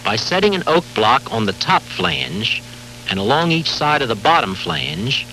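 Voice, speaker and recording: A man giving formal, measured scripted narration for a safety training film, heard from a worn VHS tape copy with faint hiss and hum. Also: medium pitch, sharp tone, rough recording. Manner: measured, formal, authoritative delivery.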